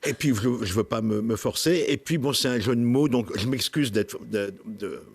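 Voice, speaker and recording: French guy, gravelly husky voice, modest and halting, dry close sound. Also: medium pitch, dry recording. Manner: halting, self-deprecating, many restarts. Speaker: guest songwriter. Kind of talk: casual interview.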